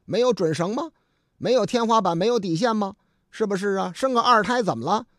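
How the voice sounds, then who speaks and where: A man's voice: high voice, fairly quick, a bit bright, dry recording, studio quality. A man hosting a radio show, telling a story in a chatty, colloquial way full of fillers and asides. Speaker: radio host. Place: radio studio.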